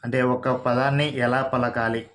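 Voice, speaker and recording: A man's voice: medium pitch, flat delivery, fairly bright tone. A man with a Telugu accent teaching English vocabulary, reading out each word, spelling it letter by letter and giving its meanings. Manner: spells words out letter by letter, slowly. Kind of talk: slow vocabulary lesson.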